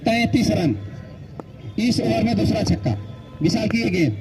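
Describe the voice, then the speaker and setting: A man delivers excited live cricket commentary. His voice is high, and he repeats phrases for emphasis. Loud music plays behind him throughout. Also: moderate pace, poor audio.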